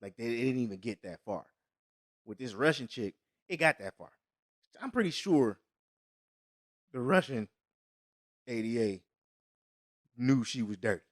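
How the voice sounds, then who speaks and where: A man's voice: mid-range voice, expressive, measured pace, long pauses, dry recording, studio quality. A man co-hosting a podcast in casual, profane chat, emphatic and often restarting mid-thought. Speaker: podcast co-host.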